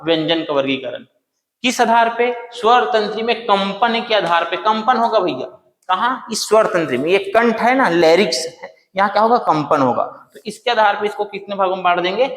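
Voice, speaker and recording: A man with a fairly high voice teaches a grammar lesson in a roomy space with long reverb. He keeps quizzing his class and answers each question himself, repeating the key terms again and again. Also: fairly bright tone.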